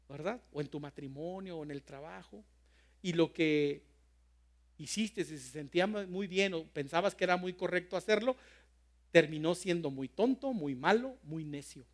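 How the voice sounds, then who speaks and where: A man, preaching a sermon as pastor and often putting questions to the congregation. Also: a little high.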